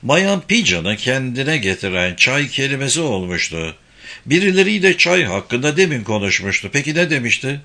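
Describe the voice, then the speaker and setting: Man reading an audiobook, bright clear voice, steady measured delivery. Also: medium pitch. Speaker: audiobook narrator. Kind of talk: scripted narration.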